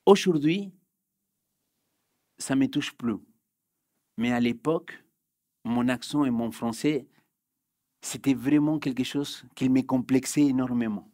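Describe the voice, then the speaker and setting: Pastor, young man, Spanish accent, mid-range voice, dry close sound, urgent then hushed. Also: mid-range voice, unhurried, pauses often, dry recording. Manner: swings between loud urgent bursts and hushed quiet passages. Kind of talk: sermon with personal story. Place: church hall.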